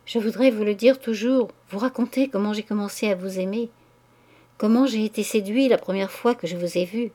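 An ardent young man pleads his love in a low, urgent hush, as a woman reads him. His words tumble out in insistent, impassioned phrases, in a mid-pitched voice. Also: brisk, close to an everyday voice. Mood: ardent pleading.

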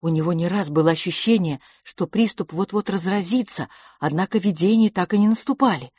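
Low-voiced woman narrating a story. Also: brisk, darkish tone, breathy edge, no echo, studio quality. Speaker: audiobook narrator. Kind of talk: scripted narration.

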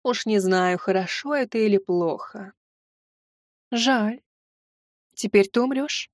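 Guy doing a cold noble lady, high and slow, sneering through her teeth, dry mic. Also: dry recording. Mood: scornful. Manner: slow, hissed contempt. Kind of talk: audiobook reading.

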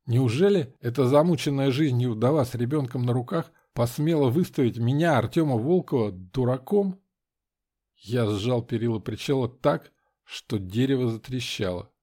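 Husky, dark-voiced male audiobook narrator. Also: mid-range voice. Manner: measured, dramatic reading. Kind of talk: first-person audiobook narration.

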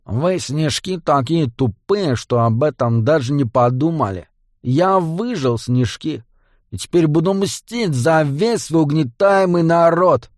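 A man's voice: fairly high pitch, animated, a little slow, a little mellow, dry recording, clean studio sound. A man voicing a nasal, swaggering male goblin smuggler in an audiobook, brash and mocking.

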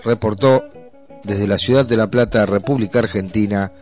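A male news reporter reading a measured, solemn scripted report. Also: fairly low pitch, a little mellow. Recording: voice-over with guitar music behind.

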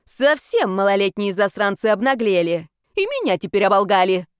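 A woman's voice: mid-range voice, big pitch swings, moderate pace, clear, resonant tone, no room sound, studio quality, lightly acted. A woman voicing a brawling, scandalous middle-aged woman in a storybook, rowdy and accusing. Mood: scornful.

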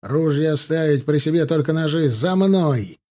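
A stern cavalry officer, as a man plays him barking curt orders in a dark, mellow voice. It is a storybook reading, close to the reader's own tone. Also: a little high, lively intonation, moderate pace, natural voice.

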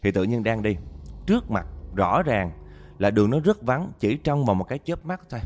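A man's voice: medium pitch, sing-song, moderate pace, darkish tone. A man narrating a listener's ghost story, talking straight to his audience with dramatic storytelling.

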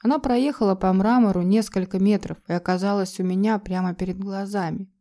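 A woman narrating a dark first-person story as an emotional, tense audiobook reading. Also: medium pitch, steady tone, fairly quick.

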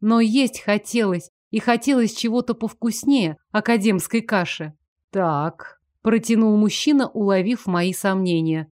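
Female narrator, first-person fantasy, even clear delivery, dry booth recording. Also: medium pitch, moderate pace, few pauses, no echo. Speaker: audiobook narrator.

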